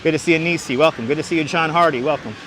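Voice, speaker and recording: The recording is low in quality, but it captures a man with a thick Brooklyn accent racing along in a slightly high, fairly bright voice. He's hosting a livestream as he walks busy Manhattan streets, chatting casually and commenting on the scene. Traffic and vehicles are clearly heard outdoors.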